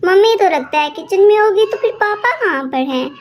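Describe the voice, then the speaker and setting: A woman's voice: very high-pitched, expressive, moderate pace. A woman voicing a young girl doll in a storytelling video, anxious and calling out as she searches. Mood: worried. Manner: worried calling out.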